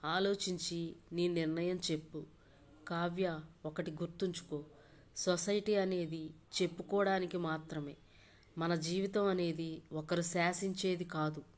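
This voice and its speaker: An earnest young man from an audio story, pleading and sincere, his words given in a low, unhurried voice. A woman reads him in her own slightly low tone. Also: fairly even intonation, natural voice. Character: young man, earnest office colleague in love.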